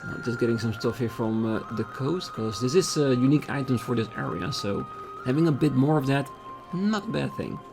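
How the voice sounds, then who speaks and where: A man's voice: mid-range voice, lively intonation, moderate pace, vocal fry, hardly any pauses. A man hosting a let's play with casual, hesitant, rambling commentary as he plays. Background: game music.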